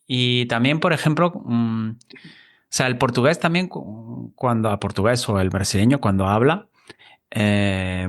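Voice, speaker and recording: A male interview host who speaks at an unhurried, slow pace. He hesitates a lot and fills pauses with small sounds and tag questions. His voice sits in a middle range. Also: mid-range voice. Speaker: interview host, Spanish teacher. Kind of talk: casual interview chat.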